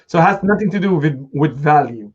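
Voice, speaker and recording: A middle-aged man hosts a conversational interview, speaking haltingly as he thinks aloud on a slightly lo-fi recording. His voice is on the high side, expressive and husky.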